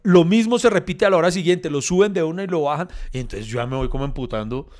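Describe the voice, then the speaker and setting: A middle-aged man with a Colombian accent, co-hosting a podcast and telling a long story in a casual, animated way. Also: fairly high pitch, quick pace. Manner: animated storyteller, acts out quoted voices. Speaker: podcast co-host.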